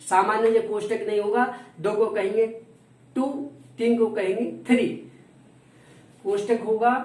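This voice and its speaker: A man teaching a lesson who repeats each word slowly and spells it out letter by letter. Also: high voice, darkish tone. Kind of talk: classroom lesson. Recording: roomy echo, distant from the mic, faint noise.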